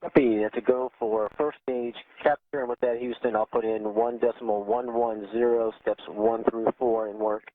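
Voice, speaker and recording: Male astronaut on a crackly radio comm loop, mid-pitched, terse callouts, phone-thin and dry. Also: steady tone, normal speed, hardly any pauses. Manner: clipped, matter-of-fact callouts. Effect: crackly space-to-ground radio loop. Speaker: astronaut operating the station's robotic arm. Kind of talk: terse radio procedure calls. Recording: narrow, dry radio downlink.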